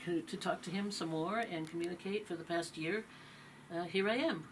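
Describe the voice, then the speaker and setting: A woman's voice: fairly low pitch, normal speed, slight background noise, poor audio. A middle-aged woman from Massachusetts, a musician telling her story as a radio guest in a loose, filler-heavy way. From Massachusetts, USA. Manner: relaxed storytelling with many fillers. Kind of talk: radio interview.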